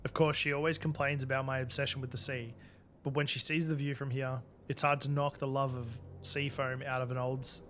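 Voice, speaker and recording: A man's voice: mid-range voice, little pitch movement, fairly quick, a bit bright, slight background noise, close to an everyday voice. A man reading a reflective diary as an old captain and lighthouse keeper in a video game. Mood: wistful reflective. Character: old male sea captain, wistful first lighthouse keeper.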